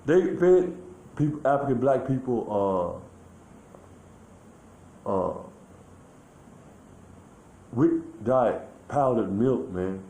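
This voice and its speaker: A man talking in a rambling, halting way, full of fillers and restarts, in a casual monologue recorded outdoors. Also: medium pitch, very animated, warm tone, roomy sound, rough recording.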